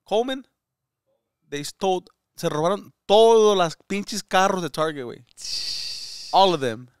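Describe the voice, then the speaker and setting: A man's voice: high voice, animated, unhurried, clean tone, dry recording. Chatty bilingual man, dry sound. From United States. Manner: rambling, mixes Spanish and English, laughs loudly. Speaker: comedian co-host. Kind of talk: casual podcast chat.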